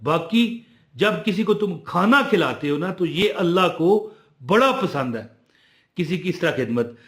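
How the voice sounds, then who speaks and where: A man telling a religious story, animated, moving between loud emphasis and quiet asides. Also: high voice, measured pace, reverberant.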